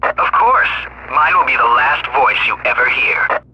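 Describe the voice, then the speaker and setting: A man's voice: mid-range voice, lively intonation, a little slow. An actor playing a vengeful, taunting male bomber heard over a police radio channel in a video game. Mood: menacing. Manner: gloating, taunting. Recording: muffled radio with loud noise.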